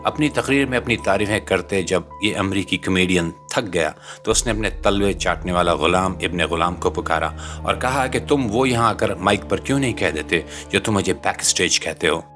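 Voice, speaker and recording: Over faint music, a Pakistani male commentator with a deep, forceful voice gives a brisk scripted political voice-over. As a channel presenter, he sounds indignant and dramatic, favoring rhetorical delivery and formal literary vocabulary.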